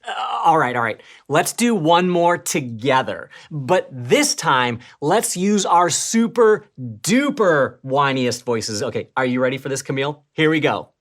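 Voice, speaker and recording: A woman co-presenting a scripted children's church lesson, telling the story expressively, swinging between excited and hushed. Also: deep voice, unhurried, few pauses.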